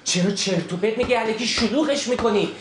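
An actor playing an ordinary, patient friend who calmly reasons and pushes back. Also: male voice, high voice, noisy background, lightly acted. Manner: calm, reasoning, mildly defensive. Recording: roomy echo.

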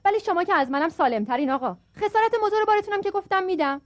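Supporting role: a high-voiced, formal, exasperated driver. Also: female voice, expressive, no echo. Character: flustered female driver, impatient and polite. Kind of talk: TV sketch comedy acting.

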